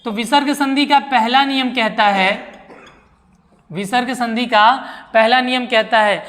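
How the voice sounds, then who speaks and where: A woman teaches a grammar lesson in a fairly high, bright voice. She asks her pupils questions, answers them herself, and repeats each key word deliberately. The sound rings with a long reverb. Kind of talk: classroom-style grammar lesson.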